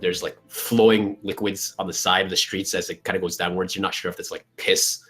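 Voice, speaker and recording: A man improvising narration as a tabletop game master, describing scenes in a halting way as he searches for words. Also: sits low, flat delivery, a bit bright, slightly rough.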